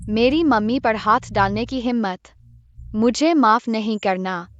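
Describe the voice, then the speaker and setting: A woman's voice: fairly high pitch, a little slow, no echo, highs cut off, lightly acted. A woman dubbing a fierce little girl who is protective of her mother, in a childlike, indignant voice. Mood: vengeful. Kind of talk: Hindi dubbing of a drama. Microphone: dry close studio mic.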